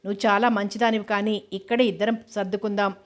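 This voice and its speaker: A playful young husband who jokes and teases, read by a woman narrating a storybook. The voice stays flat and level, sitting in a middle pitch. He keeps up an easy, joking tone. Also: fast talker, close to an everyday voice. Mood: teasing. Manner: teasing, joking.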